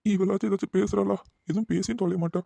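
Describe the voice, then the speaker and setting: A man's voice: sits high, fairly even intonation, fast talker, vocal fry, mellow, dry recording, exaggerated voice. A man voicing a playful young man who teases and reassures his worried sweetheart in a cartoon. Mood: fretting. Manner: playful, coaxing, teasing. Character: young man teasing his anxious fiancée. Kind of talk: Tamil cartoon dubbing.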